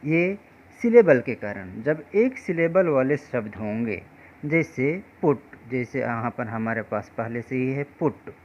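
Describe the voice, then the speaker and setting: Slow, patient male teacher. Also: medium pitch, animated, lo-fi sound. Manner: slow, patient, addresses viewers as friends. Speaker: English teacher. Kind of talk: explaining pronunciation rules.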